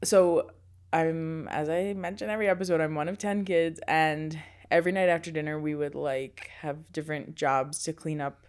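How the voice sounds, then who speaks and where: A woman's voice: deep voice, steady tone, moderate pace, smooth. A young adult woman co-hosting a podcast in casual chat, who laughs often and bursts into quoted voices. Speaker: podcast co-host.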